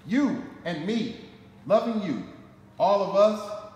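An American-accented firefighter from Detroit, aged in his forties, brings a picture book to life with a deliberate, dramatic, emphatic reading in a high-pitched, expressive voice with a darkish tone. He's in the concrete-floored garage of the fire station, indoors, and a camera a short distance away captures an echoey hall with noticeable background noise.

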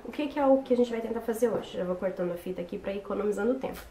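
Casual tutorial host: young woman, voice hoarse from a cold, recorded in a roomy bedroom with faint noise. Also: medium pitch, very fast, dark tone. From Brazil. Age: young adult. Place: small bedroom, indoors. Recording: roomy echo with background noise.

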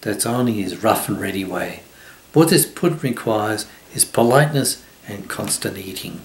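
An older man voicing a rough, good-natured sailor who talks in plain slangy speech. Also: fairly low pitch, lively intonation, moderate pace, roomy sound, natural voice. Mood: easygoing. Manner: rough colloquial talk.

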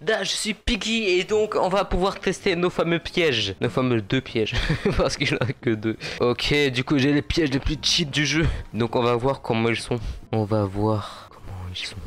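Young male gaming commentator, excitable, laughs a lot, mid-pitched. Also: a little hiss or hum. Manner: excitable, laughs often, talks to viewers. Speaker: gaming YouTuber. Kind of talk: casual gameplay commentary.

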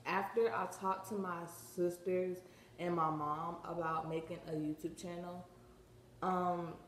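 A woman's voice: fairly low pitch, flat delivery, measured pace, echoey room, slight background noise. A teenage girl vlogging casually, rambling in slang with lots of filler words and a slight lisp from a retainer. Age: teens. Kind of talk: casual vlog chat.

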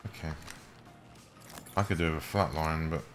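A man with a deep voice chats casually while streaming a game. He is mild and self-deprecating, with game music playing behind him. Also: steady tone, moderate pace. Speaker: gaming streamer. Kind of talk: casual live gameplay commentary. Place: small home room, indoors. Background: game music and sound effects.

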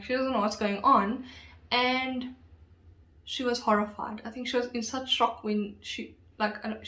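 A woman telling a true crime story in a casual, chatty way, full of fillers and asides. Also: mid-range voice. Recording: roomy echo.

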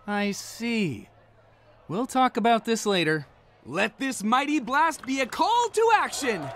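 An actor voicing an excitable little dinosaur host in a cartoon, announcing prizes and contests in a booming, grandiose way with stretched-out words. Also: takes it slowly. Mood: dry, composed. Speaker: sports event announcer. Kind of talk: cartoon commentary. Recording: loud music behind the voice.

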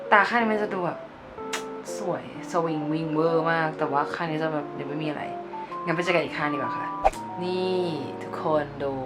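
A young woman with a low voice talks her way through an everyday makeup tutorial. She is chatty and playful, explaining each step as she goes. Music plays clearly behind her. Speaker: beauty vlogger. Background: background music.

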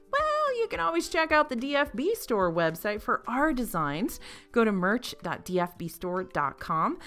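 Bubbly woman host with lively pitch. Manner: bubbly, upbeat, chatty asides. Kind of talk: scripted travel explainer.

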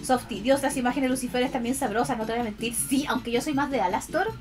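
A VTuber art streamer with a Chilean accent chats casually from her computer indoors, reading and answering her viewers' comments. Her voice is a little high and fast, expressive and affectionate in a cutesy, girlish e-girl way, with music playing behind it.

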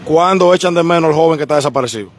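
A man works as a street reporter. He fires off quick questions in a fairly high voice. Light street noise sits under the recording. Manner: brisk, questioning. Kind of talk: on-the-street news interview. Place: outdoors on a busy street. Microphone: handheld mic.

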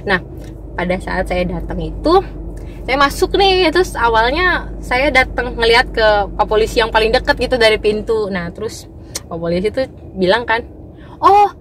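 Animated young woman telling her testimony. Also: on the high side, moderate pace, a little hiss or hum. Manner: animated storytelling with many fillers and restarts; addresses the audience directly. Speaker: testimony speaker. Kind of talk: personal church testimony.

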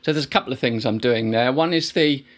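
A middle-aged man explains didgeridoo techniques in a loose, casual teaching voice. He rambles a little, restarts his sentences and leans on fillers as he goes. His pitch stays in the ordinary middle range. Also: fast talker.

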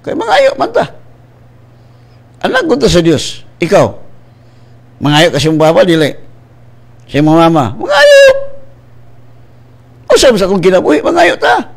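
A man with a Cebuano accent, a pastor preaching and praying on the radio, mixing in English phrases and breaking into sudden high shouted bursts. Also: wildly swooping pitch, measured pace, gravelly, pauses often. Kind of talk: radio sermon and prayer. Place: radio studio.

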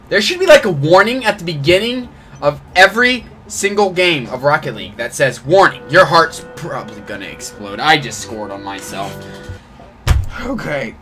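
A man calls his own match out loud, joking and groaning at every play. His voice sits a bit high and bright, and it leaps up and down as he reacts. Faint music plays behind him. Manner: excitable, jokey, groans and yelps at plays. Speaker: gaming channel host. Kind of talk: live gameplay commentary.

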